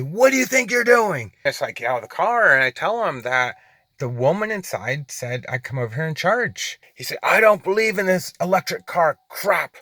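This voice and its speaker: A man vlogging a road trip from inside his car, telling a story in a chatty, relaxed way. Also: a little high, no room sound. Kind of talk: casual storytelling vlog.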